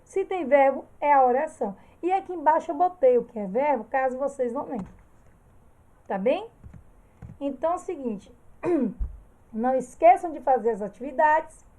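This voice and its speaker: A woman's voice: high voice, lively intonation, normal speed, pauses often, mellow. A woman teaching a grammar lesson, explaining step by step and often checking that her students follow.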